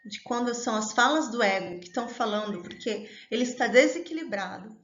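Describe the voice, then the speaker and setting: Calm woman teaching, lo-fi. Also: fairly high pitch, brisk. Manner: calm, explanatory, often adds a questioning tag. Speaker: course teacher. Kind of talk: spoken self-development lesson.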